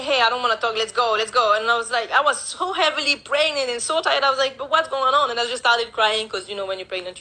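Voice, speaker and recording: A woman telling a painful personal story in a halting way, with many restarts and retold dialogue, speaking English as a with as her first. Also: high voice, sharp tone, low-quality recording. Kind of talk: emotional personal account.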